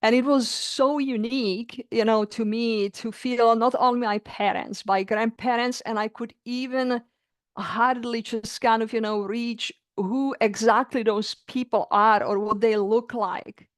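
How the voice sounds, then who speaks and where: A woman's voice: a little high, fairly even intonation, measured pace, no echo, clean studio sound. A middle-aged woman from the Republic, earnestly sharing a personal experience in heartfelt, searching words. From Czech Republic. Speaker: coaching client. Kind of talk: reflective personal testimony.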